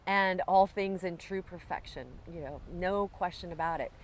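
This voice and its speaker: A woman guest talking in a casual, animated way about awareness and energy, swearing freely, recorded outdoors. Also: fairly low pitch, moderate pace, a little hiss or hum, rough recording. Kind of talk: casual spiritual conversation. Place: outdoors in Hawaiian upcountry.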